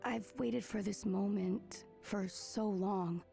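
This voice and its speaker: Game dub: nervous ghost boy, soft-spoken and hesitant, creaky, mellow. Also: sits high, steady tone, slow, soft background music, heavily acted. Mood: nervous, wistful. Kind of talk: English video game dub acting.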